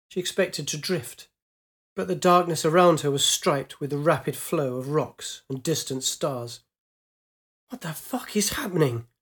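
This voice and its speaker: A man narrates a science fiction story aloud in a measured, dramatic manner. His voice sits somewhat high for a man. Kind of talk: storybook reading.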